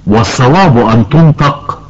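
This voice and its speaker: A man playing an elderly grandfather who patiently teaches Quran recitation rules to his granddaughter, slowly drawing out example words. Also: mid-range voice, lively intonation, lightly acted. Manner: slow, careful explaining, stretches out example words. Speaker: tajweed teacher. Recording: dull lo-fi recording.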